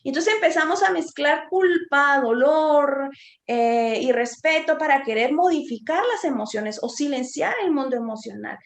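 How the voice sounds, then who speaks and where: A psychotherapist speaks to parents in a high voice, chatty and engaging, often tossing in quick tag questions. Her talk comes through a video call and sounds echoey, as if from a bare room. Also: vocal fry. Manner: warm, conversational, frequent tag questions. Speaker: psychotherapist giving a conference talk. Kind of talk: informal lecture to parents.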